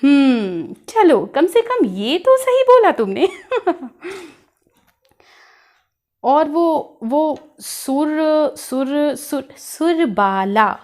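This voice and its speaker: Lady doing a goofy young guy who can't get his hindi right, high sing-song voice, super slow, keeps stumbling. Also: sing-song, darkish tone, exaggerated voice. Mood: puzzled, pleading. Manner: puzzled, stumbling questions with playful whining. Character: bumbling young man, cheerful, weak at Hindi.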